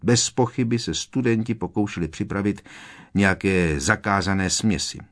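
A man's voice: fairly low pitch, natural voice. Snape, a man voicing a cold hissing potions master. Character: cold, sneering middle-aged male potions master. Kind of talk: audiobook character voice.

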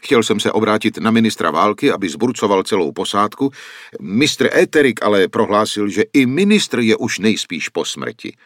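A dutiful guard captain delivering bad news urgently, as a man reads him. Low, lively voice in a dry, close audiobook recording. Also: no room sound. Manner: urgent reporting.

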